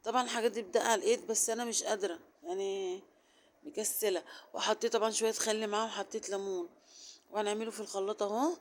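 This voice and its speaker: Fast-talking hoarse Egyptian woman. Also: mid-range voice, steady tone. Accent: Egyptian Arabic. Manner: chatty, rambling, fond of fillers. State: sore throat, strained hoarse voice. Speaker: home vlogger. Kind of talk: casual chatty vlog narration.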